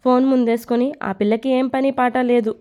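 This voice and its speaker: A woman's voice: on the high side, fairly even intonation, normal speed, mellow, lightly acted. A woman storyteller voicing a blunt, skeptical male friend who mocks a little. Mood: mocking.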